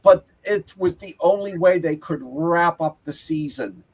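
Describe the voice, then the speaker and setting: In a casual movie review chat, this Boston-accented teacher and podcast co-host rambles and stops to fix their own sentences partway through. The voice is medium in pitch with a darkish tone, delivered at a measured pace.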